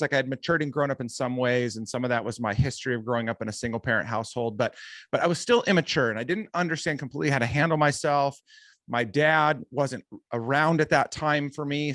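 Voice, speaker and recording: A man's voice: mid-range voice, a bit bright, no echo. A man guesting on a podcast, a coach and speaker telling his own story in an open, candid way. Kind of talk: conversational interview storytelling.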